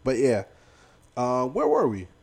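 A man's voice: mid-range voice, huge pitch swings, a little slow, darkish tone, slightly rough. A man co-hosting a podcast from home, talking bluntly and teasing his co-host. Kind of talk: casual chat.

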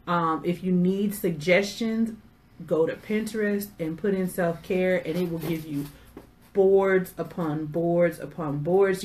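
A middle-aged woman hosting a casual chat, telling stories with sassy asides. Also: lowish voice. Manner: chatty storyteller, sassy asides. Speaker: podcast host.

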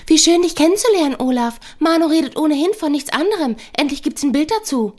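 A woman's voice: sits high, lively intonation, quick pace, darkish tone, voice pushed up. A woman reading the part of a hurt young woman who reproaches her friend bitterly. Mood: mocking falsetto.

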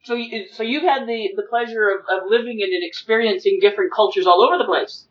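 A woman's voice: mid-range voice, fast. Woman, interview host, friendly, encouraging, distant, muffled lo-fi sound. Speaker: interview host, financial expert. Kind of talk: casual interview conversation.

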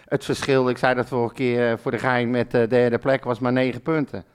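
A man's voice: medium pitch, flat delivery, fairly quick, clear, resonant tone. An older man ranting bluntly in a casual podcast chat, swearing and getting worked up. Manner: blunt, swearing, fired-up rants. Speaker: podcast co-host, football fan.

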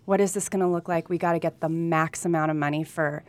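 Here the Californian real estate agent, who has also spent time in Colombia, speaks quickly in a low voice with a steady tone. As an interview guest, she shares personal anecdotes earnestly and candidly in a conversational exchange.

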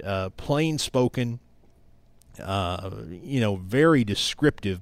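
A middle-aged sports broadcaster from East Tennessee, in the United States, reminisces as a guest in a conversational interview, telling stories in an earnest, emphatic way. His voice is fairly low-pitched, and the recording is dry.

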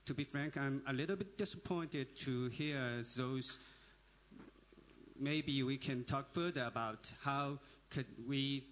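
A man making a long comment from the floor at a panel, halting and full of filler sounds. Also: medium pitch, a bit bright. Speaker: audience member at a panel.

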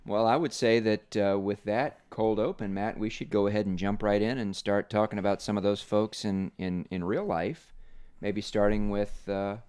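A man's voice: on the low side, steady tone, moderate pace, darkish tone, smooth. A man co-hosting a casual podcast, steering the conversation and setting up the next segment. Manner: steers the talk, sets up segments. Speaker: podcast co-host.

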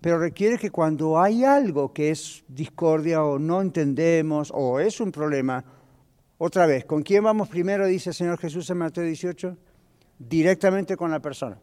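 Speaking at normal speed, this pastor has a slightly high, darkish voice with lively intonation. He teaches a Bible lesson in a conversational style and asks his congregation questions. The long reverb of the church hall fills the recording.

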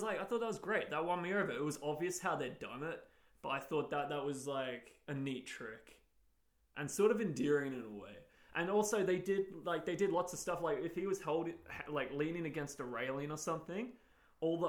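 A man's voice: fairly high pitch, a little fast. A man chatting casually about a film, rambling with many fillers and restarts. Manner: rambling, full of likes and sort-ofs. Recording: roomy echo.

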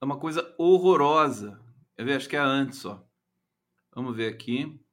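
A man hosting a live stream, giving teasing, animated political commentary. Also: medium pitch, normal speed.

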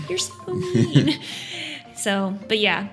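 A woman co-hosting a casual podcast, explaining things at length with lots of fillers. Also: mid-range voice. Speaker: podcast co-host.

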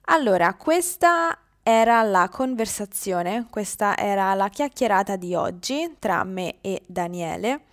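A woman's voice: mid-range voice, animated, measured pace, hardly any pauses. A woman with a Roman accent hosting a conversational podcast for language learners, as interviewer and presenter. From Lazio, Italy.

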